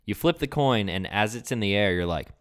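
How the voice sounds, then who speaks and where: A man's voice: lowish voice, lively intonation, a little fast. A man co-hosting a podcast, telling crude jokes and acting out little bits in casual chat. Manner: crude, joking, acts out bits. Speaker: podcast co-host.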